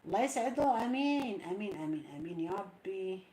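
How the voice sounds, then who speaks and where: A middle-aged Moroccan woman chatting on a live stream, warmly thanking and blessing her viewers. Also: mid-range voice, expressive, fast. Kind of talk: casual live-stream chat. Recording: roomy echo.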